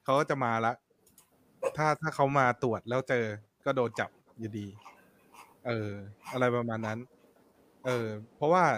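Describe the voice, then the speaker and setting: A man who is a podcast guest, explaining things step by step in a relaxed, casual chat. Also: medium pitch, a little hiss or hum.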